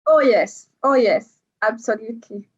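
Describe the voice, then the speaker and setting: A woman's voice: a little high, unhurried, slightly rough. A woman from Kenya with a Kenyan accent, a guest talking casually in an interview, hesitant with many fillers and easy laughs. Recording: dull lo-fi sound.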